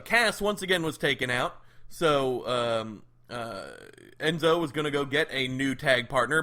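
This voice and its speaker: A man hosting a casual wrestling podcast, upbeat and jokey with quick asides. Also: medium pitch, pushed and bright. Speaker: podcast host and critic.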